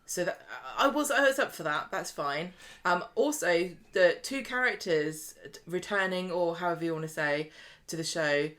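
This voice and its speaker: Her voice on the low side and a bit bright, this podcast co-host talks at normal speed in relaxed conversation. She laughs readily and keeps restarting as she chats.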